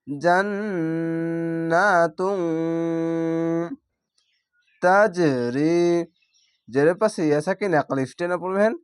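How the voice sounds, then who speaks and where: A man teaching Quran reading, spelling each word out slowly by its letters and vowel marks before reciting it. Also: fairly high pitch, dry recording, clean studio sound. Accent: Bangladeshi Bengali. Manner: slow, drawn-out syllable-by-syllable spelling with recited words.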